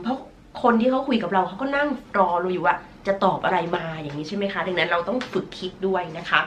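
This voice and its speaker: A woman's voice: lowish voice, a bit bright, slight background noise. Nasal-voiced woman teaching English vocabulary. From Thailand. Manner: patient, drawn-out model pronunciations; self-conscious about her nasal voice. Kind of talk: recorded online lesson.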